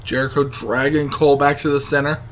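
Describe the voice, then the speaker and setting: A man's voice: mid-range voice, flat delivery, a little fast, fairly bright tone, slight background noise. A man working as co-commentator on a wrestling match, reacting to the action as a wrestling commentator does.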